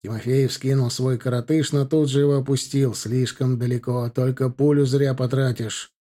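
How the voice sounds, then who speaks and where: A man narrating a historical war story in a steady, measured reading. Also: medium pitch. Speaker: audiobook narrator. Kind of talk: scripted narration.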